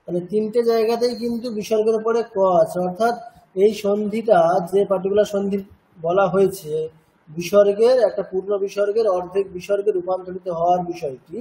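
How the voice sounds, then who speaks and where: A man's voice: high-pitched, steady tone, mellow, poor audio. A man teaching a Sanskrit chanting class, patiently explaining pronunciation rules and checking that students follow. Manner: patient, checks understanding with repeated questions; slowly demonstrates chanted syllables. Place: cultural centre classroom.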